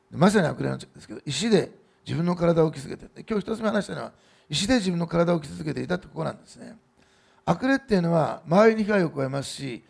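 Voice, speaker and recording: A man's voice: on the high side, gravelly, a little mellow, husky. A middle-aged man giving a sermon as pastor at a church service, in a loose, conversational way with fillers and asides.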